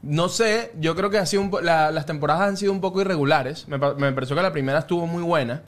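A man with a Venezuelan accent co-hosting a podcast, talking in animated, slangy, laughing banter. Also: a little high, fast talker. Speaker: podcast co-host. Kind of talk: casual chat.

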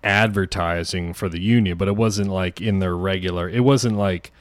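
A deep-voiced man rambles through casual podcast chat, swearing freely and padding his talk with fillers. The sound is dry and close. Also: steady tone, moderate pace, no echo. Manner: rambling, profane, many fillers. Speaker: podcast co-host.

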